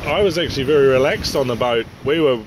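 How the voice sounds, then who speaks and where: A relaxed sailing vlog host narrates casually from the open cockpit of a catamaran at sea, matter-of-fact and full of sailing jargon. He has a mid-range voice and talks fast. Wind hits the handheld camera mic, with wind and water noise throughout.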